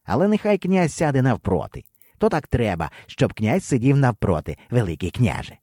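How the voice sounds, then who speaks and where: A man's voice: medium pitch, big pitch swings, normal speed, mellow, slightly rough, no room sound, clean studio sound. A man voicing an obsequious male fortune-teller who speaks in a fawning, eager-to-please way.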